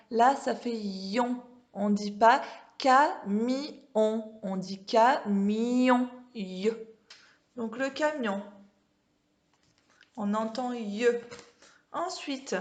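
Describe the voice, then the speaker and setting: A woman leads a reading lesson for small children, sounding out words with careful, stretched pronunciation. Her voice sits a little high and she speaks unhurriedly, pausing often to ask whether the children follow. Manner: checks in with frequent questions to children. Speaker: primary school teacher. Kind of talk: home-schooling reading lesson. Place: classroom with a board.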